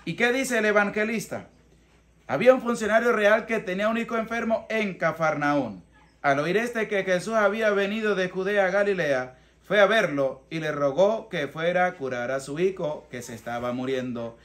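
A Venezuelan-accented priest in his thirties delivers a plain, colloquial homily in a small rustic wooden room or shelter, recorded on a clip-on lapel mic. He teaches emphatically, posing rhetorical questions and answering them himself. His voice is high-pitched and a bit bright, at a normal speed.

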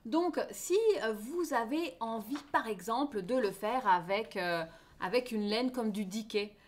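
A woman with a fairly high voice teaching a live online knitting class. She is chatty and friendly, and keeps checking in with her viewers as she goes. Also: unhurried. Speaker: knitting teacher hosting a knit-along.

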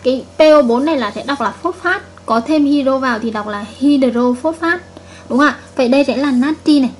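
A woman's voice: high-pitched, a little fast, slight background noise. A woman chemistry teacher giving a recorded video lesson, patiently repeating each point and checking with her students.

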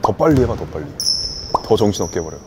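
A man's voice: lowish voice, very animated, fast. A man giving casual, exclamatory reactions as a basketball coach. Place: indoor basketball gym. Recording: very loud gym background noise.

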